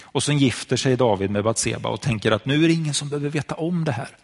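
A man's voice: medium pitch, gravelly. A man preaching to viewers at home, telling a Bible story and speaking directly to the listener.

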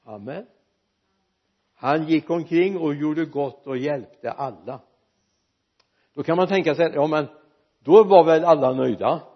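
A man preaching a sermon in a church, lively and joking with the congregation. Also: on the high side, pauses often, breathy edge, highs cut off. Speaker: pastor.

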